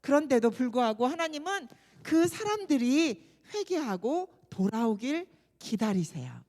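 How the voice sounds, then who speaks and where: A woman's voice: high voice, very animated, unhurried, darkish tone, in a large hall. A woman teaching at a children's worship service, telling a Bible story expressively and asking the children questions. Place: church.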